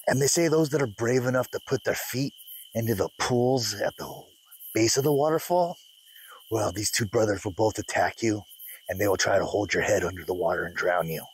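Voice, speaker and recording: A man's voice: fairly low pitch, brisk, husky, poor audio. A middle-aged man vlogging a hiking trip, chatting in a folksy, easygoing way and telling stories as he drives. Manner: folksy storyteller, laughs often. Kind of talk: casual vlog chat. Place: car interior and outdoor trail. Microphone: camera mounted on dashboard. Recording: car road noise, from the mic.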